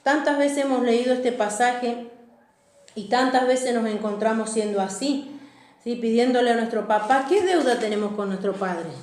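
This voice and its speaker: A woman's voice: fairly high pitch, normal speed, darkish tone, reverberant. A woman pastor preaching a sermon, often checking in with the congregation. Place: church.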